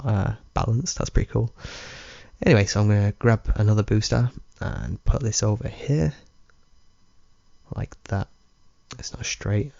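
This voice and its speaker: A man giving relaxed, rambling commentary on his game, chuckling often. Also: fairly low pitch, creaky, no room sound, dull audio. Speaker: let's play gamer. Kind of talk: casual gameplay commentary.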